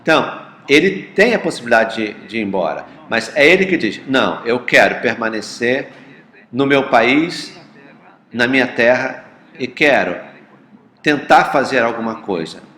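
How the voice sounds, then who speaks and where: A man speaking earnestly at a panel, halting at times and restarting his phrases. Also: mid-range voice, animated, pushed and bright. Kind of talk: panel talk. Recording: roomy echo.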